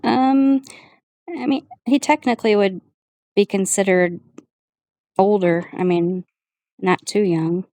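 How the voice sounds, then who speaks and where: A woman talking casually as the client in a one-to-one reading, in a hesitant, halting way. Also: mid-range voice, mellow, no room sound. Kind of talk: casual conversation.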